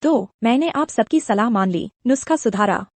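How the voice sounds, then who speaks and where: A clever young village woman who speaks calmly and persuasively. Her voice is slightly high, and the recording is dry and close. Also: moderate pace, dry recording. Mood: confident. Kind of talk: dubbed drama acting.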